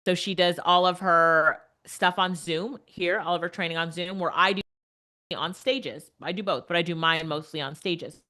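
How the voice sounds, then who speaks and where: Woman host, casual live Q&A, crisp bright tone, slightly low pitch. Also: normal speed. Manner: chatty, animated, filler-heavy. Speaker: webinar host.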